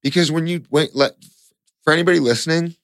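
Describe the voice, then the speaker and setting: A man's voice: on the high side, quick pace, fairly bright tone, dry recording, clean studio sound. A young Canadian man hosting a casual podcast chat, emphatic, repeating points and swearing freely. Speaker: podcast host.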